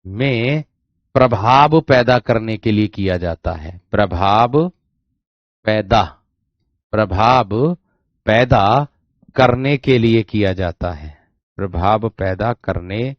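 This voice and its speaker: A man's voice: lowish voice, no echo, lo-fi sound. A man teaching a grammar lesson online, repeating key words emphatically and often addressing students as his friends. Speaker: exam-prep teacher.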